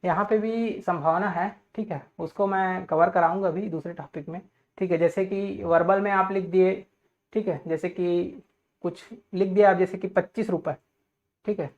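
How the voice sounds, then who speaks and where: A man's voice: high voice, steady tone, normal speed. A man teaching a class, explaining points step by step, checking in with "okay" after nearly every phrase and putting questions to his students. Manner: repeats "theek hai" constantly, asks students questions. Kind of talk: classroom lecture. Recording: tinny phone-like audio.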